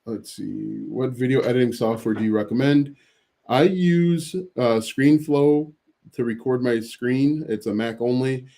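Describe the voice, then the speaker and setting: Man, live Q&A host, reads chat questions aloud, warm mellow tone, middle pitch. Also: measured pace, gravelly. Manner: reads viewer questions aloud, hesitant fillers and restarts. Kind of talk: casual livestream Q&A.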